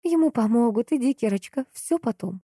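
A woman's voice: fairly high pitch, expressive, a little fast, warm tone, breathy edge, dry recording, studio quality, voice pushed up. A woman narrator voicing a frail, anxious woman who fusses over others.

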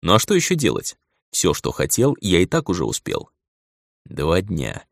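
A man reading a first-person audiobook in a dramatic, expressive way. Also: sits low, a little fast, gravelly, dry recording, clean studio sound. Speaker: audiobook narrator.

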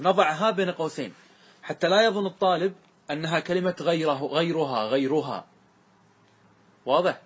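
A man's voice: on the high side, husky. A man teaching a grammar lesson, asking questions and often checking that his students follow.

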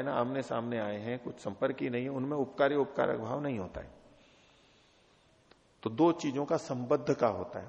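A man teaching a Vedanta text, reading Sanskrit slowly and explaining it in simple Hindi, asking his students questions. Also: mid-range voice, vocal fry, darkish tone. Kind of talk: scriptural lecture. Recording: dull audio with long hall reverb.

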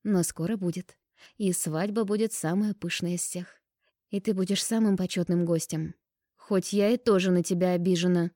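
A woman's voice: fairly low pitch, fairly even intonation, moderate pace, warm tone, no room sound, clean studio sound, close to an everyday voice. A woman reading an audiobook and voicing a playful, dreamy young woman in love. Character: sly, happy young woman student in love.

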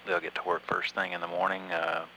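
A man giving measured, matter-of-fact mission commentary as a control room announcer, halting at times. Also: low-pitched, level tone, bright, forceful tone, slight background noise, poor audio. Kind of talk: public affairs mission commentary.

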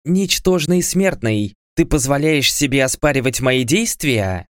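A haughty goddess of death who hands down orders with cold scorn, as a male narrator puts her on in a higher voice. She sounds close and dry in a dead room. Her delivery is imperious and commanding, made for an audiobook. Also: lively intonation, a little slow, dry recording, natural voice.

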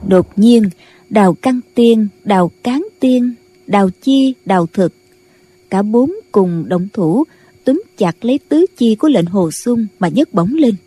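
Woman audiobook narrator, mellow, husky, slightly high voice. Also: lively intonation. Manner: measured storytelling. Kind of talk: scripted narration.

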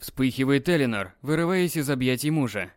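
A man narrating an audiobook in an even, dramatic storytelling manner. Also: medium pitch, brisk, no room sound, clean studio sound.

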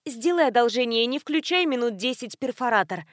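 A woman reading her first-person heroine's lines in an animated, exclaiming way. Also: on the high side, fairly quick, dry recording, clean studio sound, natural voice. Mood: explaining.

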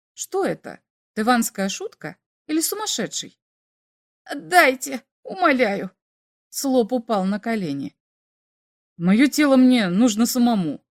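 A woman narrating a story aloud in a lively, animated way. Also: fairly high pitch. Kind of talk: expressive storytelling.

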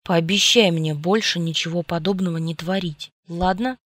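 A woman's voice: lowish voice, moderate pace, fairly bright tone, no echo, studio quality. A woman reading the part of a worried, protective young man who speaks urgently and pleads. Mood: scolding. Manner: urgent, pleading, then scolding.

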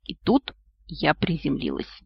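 A reader narrating a first-person fantasy audiobook in a lively way, exclaiming when voicing the heroine. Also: medium pitch, a little slow, gravelly, slightly rough, no echo. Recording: dry, muffled, dull-sounding recording.

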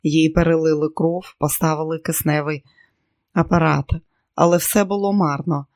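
An audiobook narrator reads with dramatic expression in a middle-pitched voice. The sound is dry and close to the mic. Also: fairly even intonation, moderate pace, darkish tone, dry recording.

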